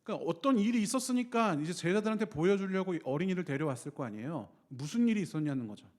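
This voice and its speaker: Animated male pastor preaching. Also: sits high, quick pace. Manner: animated preaching, acts out quoted voices. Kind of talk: sermon.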